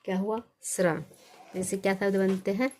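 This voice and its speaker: A woman teaching a basic reading lesson, asking questions and answering them herself, repeating each sound slowly. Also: mid-range voice, fairly even intonation, a little mellow.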